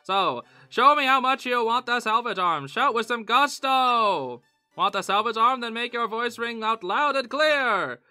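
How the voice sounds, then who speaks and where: A boastful male inventor, voiced by a man reading his lines in his own voice, haggles with smug, teasing sales talk. The voice sits high and swoops around lively. Its tone is bright. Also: measured pace, clear, resonant tone, faint music behind, heavily acted.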